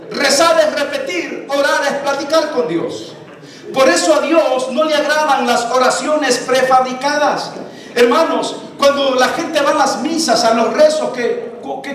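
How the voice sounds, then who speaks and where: A man's voice: extremely high pitch, a bit bright. A man preaching a sermon as pastor, emphatic and full of rhetorical questions, speaking in a church. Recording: very echoey church hall, mic far off.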